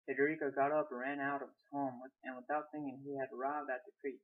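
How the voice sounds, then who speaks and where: A man's voice: medium pitch, little pitch movement, fast talker. A young man reading his own short story aloud, plainly, with small restarts, on a tinny phone-like recording. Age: young adult.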